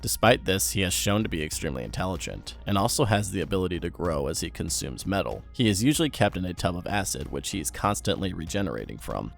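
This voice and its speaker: A man's voice: sits low, very animated, fast talker, vocal fry, hardly any pauses, soft background music. A young man giving wry, sarcastic commentary on horror videos.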